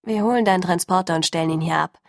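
A woman reading the lines of a brooding, protective teenage vampire boy, quiet and insistent, in an audiobook. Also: lowish voice, fast, gravelly, no echo, studio quality. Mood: serious.

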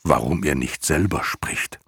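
A man voicing a calm, wise dragon in an audiobook, speaking low and measured, sometimes hushed. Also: creaky, husky, dry recording, studio quality, heavily acted. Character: calm wise luck dragon, listening and translating.

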